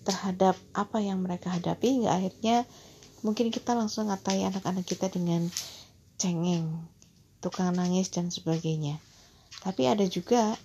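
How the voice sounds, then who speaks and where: A woman giving a calm, measured Islamic talk on parenting, speaking directly to her listeners. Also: mid-range voice, a little hiss or hum. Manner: calm, measured, addresses listeners as brothers and sisters.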